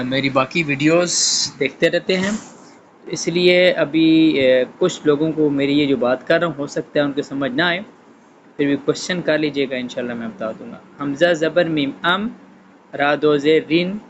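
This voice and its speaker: A man teaching Quran recitation to beginners, patiently explaining rules and slowly spelling out letters syllable by syllable. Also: on the high side, highs cut off, slight background noise. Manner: slow drawn-out syllables when spelling letters.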